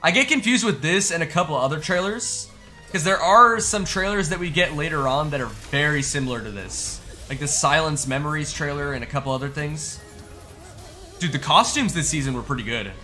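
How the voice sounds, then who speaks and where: This is a young man whose voice is on the high side, doing informal reaction commentary for his gaming YouTube channel. He uses slang and thinks out loud along the way.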